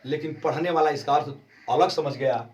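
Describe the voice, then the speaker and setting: A man teaching a Hindi grammar lesson for exam preparation, explaining slowly and stretching out key terms. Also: fairly high pitch, a little mellow, far from the mic, muffled recording.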